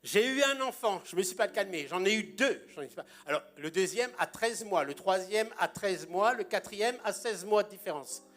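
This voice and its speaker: A man's voice: high-pitched, lively intonation, moderate pace, hardly any pauses, fairly bright tone. A man in his sixties, a pastor preaching a sermon in a church and telling humorous anecdotes with punchlines.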